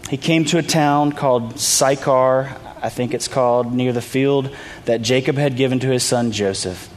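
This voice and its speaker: A man preaching a sermon, retelling a story in a relaxed, conversational way and briefly acting out the people in it. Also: mid-range voice, slight background noise. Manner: conversational storytelling, acts out quoted voices. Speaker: pastor. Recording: reverberant hall, faint ambience.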